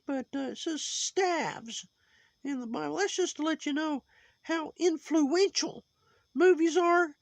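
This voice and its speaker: A man voicing a preachy, judgmental male sock puppet in a high put-on voice, lecturing and moralizing as he rambles. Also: unhurried, creaky, no room sound, exaggerated voice.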